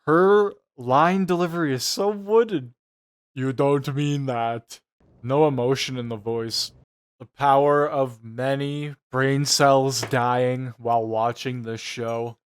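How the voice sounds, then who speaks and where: A man's voice: medium pitch, slow pace, smooth. A man giving a casual, mocking reaction commentary, profane and incredulous in his delivery. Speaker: reaction show host.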